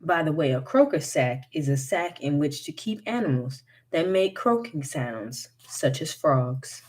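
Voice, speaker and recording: A woman reads a folktale aloud in an unhurried, expressive storyteller's voice. She takes her time and lingers over the lines. Her voice sits on the low side.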